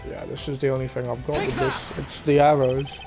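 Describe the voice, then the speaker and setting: A man's voice: mid-range voice, level tone, brisk. Man thinking aloud over game music. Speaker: streamer. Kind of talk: casual gameplay commentary.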